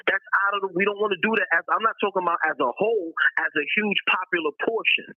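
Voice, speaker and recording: Man, phone caller, slightly high voice, blunt and profane, tinny phone line. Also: fast, no room sound. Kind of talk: casual chat.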